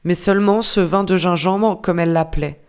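A timid young ship's steward, as an audiobook reader puts him on pleads and hurries to excuse himself. He is read in the reader's own mid-pitched voice. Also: fairly quick, clear, resonant tone, close to an everyday voice. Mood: pleading. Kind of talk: audiobook character reading.

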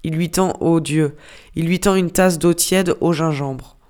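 A narrator reads a classic sea novel aloud for an audiobook. The reading is steady and measured, with a mid-pitched voice. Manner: measured literary reading with occasional restarts.

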